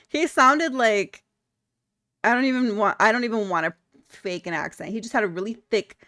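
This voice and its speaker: A woman's voice: on the high side, a little slow, long pauses, sharp tone, dry recording, clean studio sound. A young woman streaming live, chatting candidly with her viewers, blunt and laughing often. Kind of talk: casual chat reading viewer comments.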